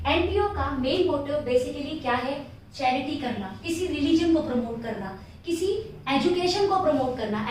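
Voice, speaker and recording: A woman's voice: sits high, a little hiss or hum. A woman with an Indian English accent teaching an accounting class, explaining step by step and answering her own questions. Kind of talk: classroom lecture. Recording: echoey room, distant from mic.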